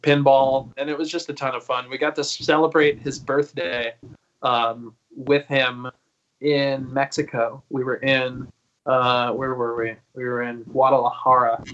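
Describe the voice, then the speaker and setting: A man's voice: mid-range voice, fairly bright tone, highs cut off. A man in his early thirties talking loosely on a video call, rambling, swearing and laughing as he tells stories. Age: 30s. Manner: rambling and laid-back, swears freely, laughs often. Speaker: guest singer. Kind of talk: casual interview chat.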